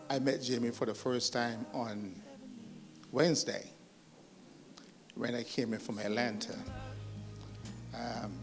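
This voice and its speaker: A middle-aged man giving a measured, heartfelt wedding toast as the bride's uncle at a reception. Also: mid-range voice. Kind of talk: wedding speech. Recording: music in the background.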